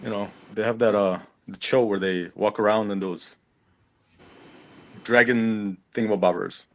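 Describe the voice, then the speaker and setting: A man's voice: on the low side, fairly even intonation, unhurried, poor audio. A man talking casually and informally in a group conversation. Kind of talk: casual chat.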